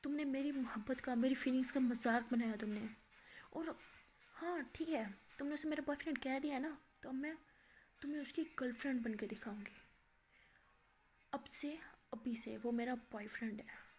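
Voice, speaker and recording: A hurt young woman lashes out in a spoken love story, as a woman narrator puts her on. Her voice sits somewhat high and sounds sharp and indignant. She refuses to forgive her girlfriend. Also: close to an everyday voice.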